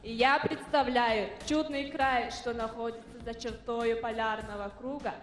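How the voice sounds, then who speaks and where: A woman's voice: a little high, steady tone, measured pace, far from the mic, soft background music. A woman aged twenty giving a formal, rehearsed self-introduction as a pageant contestant. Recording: echoey large hall.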